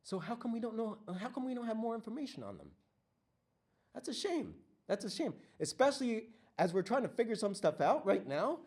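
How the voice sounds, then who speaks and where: A man's voice: sits high, big pitch swings, brisk, a little mellow. A man giving a passionate workshop presentation to a live audience in a meeting room. He speaks with fire and asks question after question, repeating lines for emphasis.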